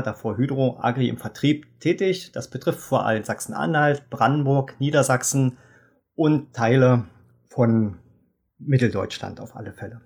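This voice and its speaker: A man in his fifties, a fertilizer sales expert, explaining market history in measured detail in a podcast interview. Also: medium pitch, husky. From Germany. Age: 50s.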